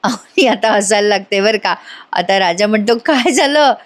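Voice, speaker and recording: A woman's voice: medium pitch, steady tone, moderate pace. Chatty woman recapping a serial. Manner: chatty, aside-heavy storytelling. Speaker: serial review narrator. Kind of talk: voice-over episode recap. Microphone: voice-over.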